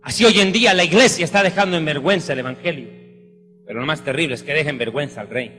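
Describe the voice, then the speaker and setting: A man's voice: on the high side, rapid-fire, bright, forceful tone. A man preaching a sermon with fervent, exclamatory emphasis. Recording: reverberant hall with faint music.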